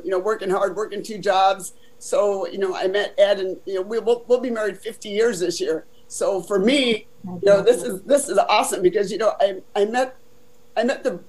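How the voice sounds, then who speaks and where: In a low-quality recording, a deep-voiced older woman from Southern California talks casually about her life in an interview, her tone a little mellow and her speech full of "you know."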